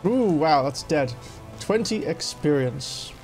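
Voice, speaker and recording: A man's voice: on the high side, expressive, takes it slowly, a little mellow, faint music behind. A man hosting a let's play, chatting casually as he plays and reads dialogue aloud. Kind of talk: casual game commentary.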